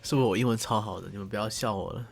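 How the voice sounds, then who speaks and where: Over soft background music, a young channel host talks very fast in a lowish, gravelly voice into a desk condenser mic. His casual chat to camera is teasing and self-mocking, with hammed-up English words.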